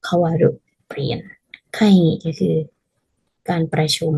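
A woman teaching a casual language lesson, patiently explaining and repeating phrases slowly so learners can practice. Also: mellow, poor audio.

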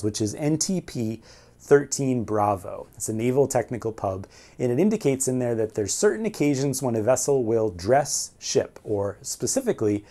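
A man in his forties teaches in a steady, methodical way, with a mellow, relaxed voice of middle pitch. He explains step by step and drops in a filler now and then. He is recorded from a short distance in an indoor room. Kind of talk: educational explainer video. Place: indoor room before a whiteboard and framed ship painting. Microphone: camera at medium distance.

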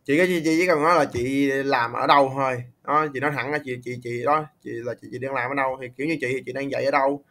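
A man from Vietnam with a Vietnamese accent, patiently tutoring English on a video call, repeating words slowly to correct pronunciation. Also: mid-range voice, fairly even intonation, sharp tone. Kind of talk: online English tutoring, casual.

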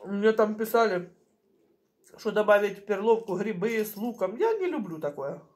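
A middle-aged woman chatting casually in short phrases with pauses as she eats, chewing while she talks, recorded in a home kitchen. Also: mid-range voice, expressive, a little mellow. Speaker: mukbang vlogger. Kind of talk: casual chat while eating. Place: small home kitchen, indoors. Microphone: camera on the table at arm's length.

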